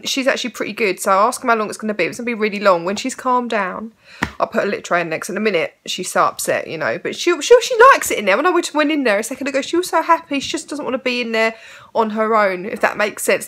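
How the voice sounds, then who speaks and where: A woman's voice: on the high side, fairly bright tone. A woman, chatting casually to camera at home and rambling a little. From England. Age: 30s. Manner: chatty and rambling, fond baby talk to her cats. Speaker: vlogger. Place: her home, indoors.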